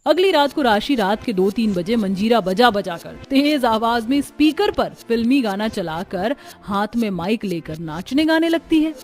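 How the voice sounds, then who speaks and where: A woman narrating a cartoon family story with steady storytelling. Her voice is slightly high. Soft music plays faintly under her. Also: moderate pace, few pauses.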